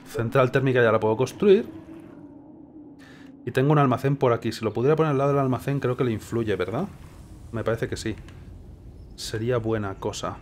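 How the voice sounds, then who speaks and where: Here a man with a Castilian Spanish accent hosts a gaming video, musing over his play and second-guessing himself out loud. He speaks in a mid-range voice, fairly quickly, pausing often. There is a slight hiss or hum in the audio.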